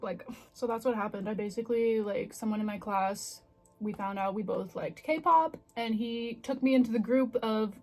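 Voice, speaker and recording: A woman's voice: on the high side, a little mellow. A woman in her twenties chatting casually and candidly to the camera in a self-reflective, confessional way. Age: 20s. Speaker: vlogger.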